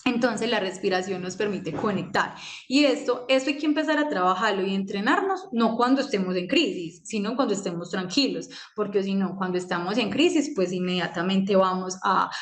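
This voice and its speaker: Woman psychologist, echoey room. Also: medium pitch. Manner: conversational, asks many rhetorical questions. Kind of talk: talk on managing anxiety.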